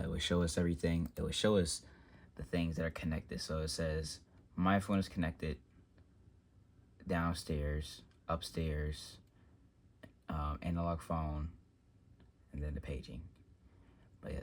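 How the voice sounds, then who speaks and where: A tech vlogger with a bass voice and darkish tone gives an unscripted, casual walkthrough of an office phone system setup. He rambles and often trails off with filler phrases.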